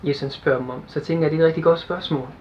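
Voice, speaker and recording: A young man preaching a sermon in Danish church style, praying and reading scripture, earnest and halting with fillers and restarts. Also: on the high side, steady tone, darkish tone. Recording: dull lo-fi sound with faint noise.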